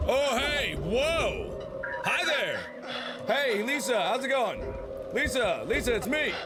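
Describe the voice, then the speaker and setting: A man giving loud, comedic gameplay commentary in silly taunting voices, heard in a clip played on a stream. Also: very high voice, very animated, slow pace, loud music behind the voice. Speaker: gaming video creator.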